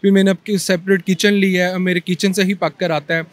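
A man's voice: high-pitched, level tone, brisk. A young man, a food cart owner earnestly explaining his business in a street interview. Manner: earnest, explaining, mixes English words. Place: busy city street outdoors. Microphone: handheld mic held by interviewer.

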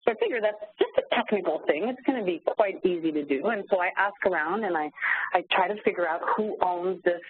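A woman's voice: on the low side, fairly quick, husky, dry recording. A middle-aged woman with a French Canadian accent, presenting a webinar and telling a story conversationally with frequent ums. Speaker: webinar facilitator. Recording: tinny phone-line audio.

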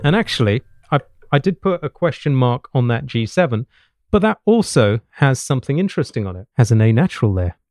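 Over piano playing, a very animated middle-aged man who hosts online jazz lessons teaches informally, thinking aloud as he demonstrates. His medium-pitched, darkish voice is brisk and explanatory, with short checks like "right?". He sits in a small indoor home study with a bookshelf, speaking into a boom-arm studio mic near his mouth, with no room sound.

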